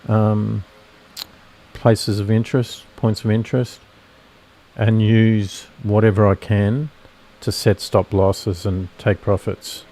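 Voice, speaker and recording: A man's voice: fairly low pitch, little pitch movement, takes it slowly, warm tone. A man with a nasal voice giving casual live commentary on futures trades, rambling and correcting himself as he explains his setups.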